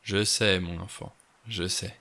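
A man voicing a weary, haunted old general who speaks slowly and quietly with regret. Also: sits low, fairly even intonation, heavily acted. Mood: soft.

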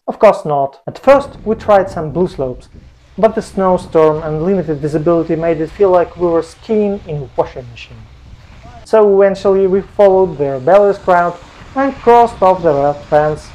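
A travel vlogger wearing a lapel mic narrates a scripted video from a room in his home, keeping things playful with jokes on the side. He has a fairly high, warm-toned voice.

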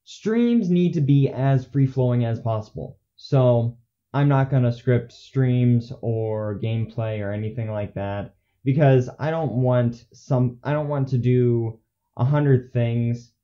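Young male vlogger, unscripted and rambling, slow delivery, muffled lo-fi recording. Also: medium pitch. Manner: rambling, self-correcting, filler-heavy; says he gets monotone when scripted. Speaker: channel host. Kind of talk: unscripted casual vlog. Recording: dull lo-fi audio.

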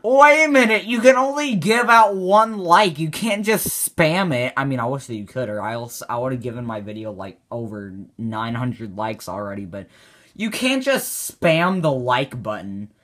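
Man, gaming reaction host, self-mocking and excitable, bright lively delivery. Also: mid-range voice, moderate pace. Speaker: creator reacting to his own old video.

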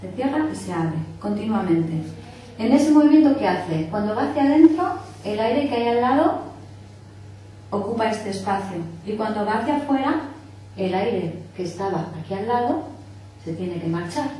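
Heard from afar in an echoey room with a faint hiss, a workshop instructor from the Barcelona area of Spain gives an informal lesson to a small group in a small indoor meeting room. Her mid-range voice is warm and animated at a normal speed; she explains, gestures with her hands, and often checks in with "¿vale?". A far camera did the recording.

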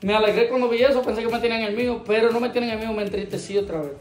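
A man's voice: extremely high pitch, steady tone, rapid-fire. A man with a Dominican accent hosting a casual vlog, chatty and teasing with the people around him. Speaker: vlogger host.

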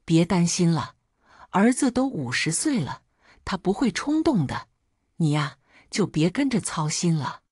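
A woman voicing a calm older husband who gently chides and reassures his wife. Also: fairly low pitch, unhurried, slightly rough, dry recording, clean studio sound, heavily acted. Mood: soothing.

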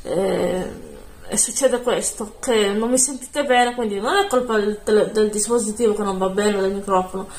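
A woman chatting casually into her phone camera at home, soft-spoken and rambling, often correcting herself. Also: medium pitch, normal speed, echoey room. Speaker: beauty vlogger. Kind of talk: casual vlog chat.

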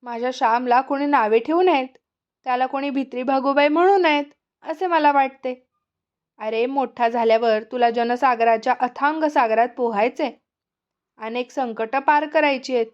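A woman's voice: sits high, lo-fi sound, close to an everyday voice. A woman voicing a loving but stern mother who talks firmly and tenderly to her son. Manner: tender yet firm, coaxing.

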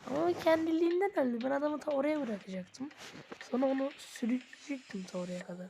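A woman giving casual let's-play commentary, excitable, talking straight to her viewers and slipping into whispered asides. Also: high-pitched, fast, creaky, a little hiss or hum. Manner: excitable, often addresses viewers as "friends", drops into whispered asides. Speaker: gaming channel host.

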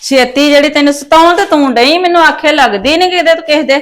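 High-voiced scolding mother, Punjabi accent. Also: fast, a bit bright. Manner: scolding, nagging. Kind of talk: rural family drama acting.

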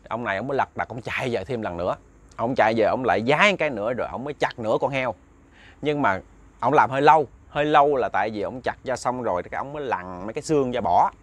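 Male ghost-story narrator, mid-pitched, rambling conversational delivery with fillers. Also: animated, fast. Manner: conversational retelling with many fillers and repeats.

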